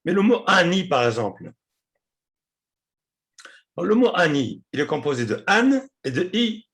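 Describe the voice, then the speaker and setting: Gravelly animated man teaching a class. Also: high voice, moderate pace. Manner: explanatory, repeats words, many hesitations. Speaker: Hebrew teacher.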